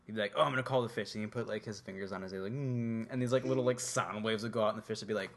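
A young podcast co-host chats casually and rambles, packing his talk with filler words. His voice is on the low side and a bit bright, and he speaks very fast.

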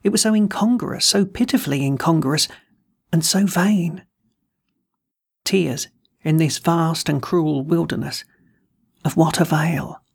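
Gravelly, husky storyteller. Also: medium pitch, a little mellow. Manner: measured, deliberate storytelling. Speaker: host and reader of a horror story. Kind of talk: scripted narration of a classic ghost story.

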